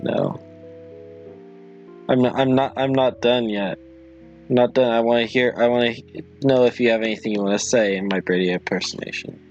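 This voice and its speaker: A man hosting a livestream, chatting casually with viewers in a halting, apologetic, rambling way. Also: mid-range voice, steady tone, darkish tone, muffled recording, soft background music. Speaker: livestream host.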